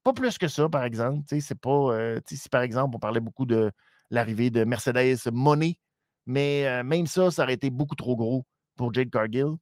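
With a Quebec French accent, a man recaps a wrestling show during a casual live stream, his commentary animated, mock-dramatic, and full of hesitations. His voice is mid-range at a moderate pace, recorded cleanly in a studio with no echo.

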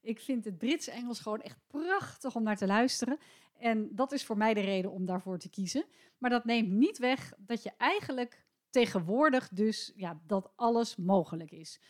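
A woman in her forties from the Netherlands hosting a solo podcast, chatty and opinionated, often pausing with hesitations. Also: a little high, expressive, darkish tone. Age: 40s. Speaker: podcast host and English teacher trainer.

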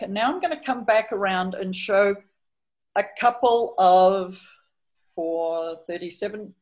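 A middle-aged woman, a horse trainer chatting hesitantly through a training video and telling stories about her horse. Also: mid-range voice. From New Zealand. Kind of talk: explaining training over a video, storytelling.

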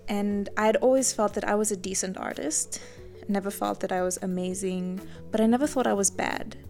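A woman's voice: medium pitch, moderate pace, gravelly, a little mellow, faint music behind. A young woman from Zambia, a guest artist, telling her story in a friendly, chatty way in a casual podcast interview.

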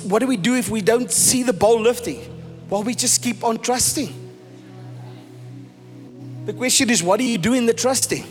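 A South African pastor preaching a sermon emphatically, sometimes mixing in Afrikaans phrases. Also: male voice, high-pitched. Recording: reverberant hall with soft music.

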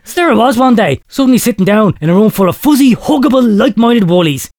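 A podcast host with a high voice talks fast on a comedy podcast, reading out a listener letter with mock drama. He laughs often while reading, telling it in a lively mock-storytelling way. The sound is clean studio audio with no room sound.

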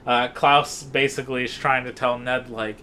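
A man's voice: mid-range voice, fairly even intonation, normal speed, sharp tone, a little hiss or hum. A man co-hosting a podcast, casually walking through a film scene by scene with filler "um"s. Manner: retells scenes step by step, acting out quoted lines. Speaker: podcast co-host.

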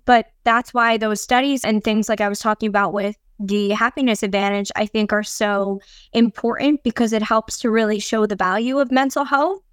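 Earnest woman with a smooth voice. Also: medium pitch, steady tone, moderate pace, dry recording. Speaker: podcast guest. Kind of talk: casual chat.

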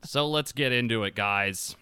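A man's voice: mid-range voice, a little slow, pushed and bright, clear, resonant tone, no room sound. A man hosting a casual game podcast, talking in an upbeat, loose way. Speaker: podcast host.

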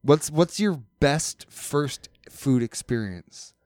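A man hosting a casual podcast chat, earnest and often halting as he searches for his words. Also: on the high side, lively intonation, a little mellow, no echo, clean studio sound. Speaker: podcast host.

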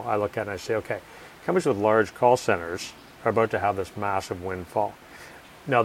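Confident emphatic man, slightly low voice. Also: a little hiss or hum, poor audio. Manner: confident, emphatic, repeats key phrases. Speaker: author and guest. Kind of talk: conversational interview.

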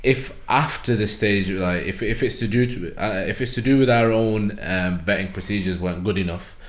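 A man's voice: lowish voice, normal speed. A man talking as a guest in a casual podcast conversation, rambling with many fillers and restarts. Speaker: podcast guest from an event organisation. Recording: roomy echo.

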